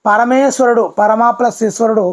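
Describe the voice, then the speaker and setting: A teacher giving a brisk voice-over exam-prep lesson, often repeating key words and addressing viewers politely. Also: mid-range voice, fairly even intonation.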